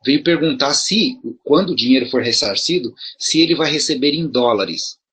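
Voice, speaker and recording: A man's voice: a little high, expressive, moderate pace, a bit bright, husky. A middle-aged man from Brazil explaining things to his audience in a casual monologue, asking rhetorical questions and restarting his sentences. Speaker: video commentator addressing promoters.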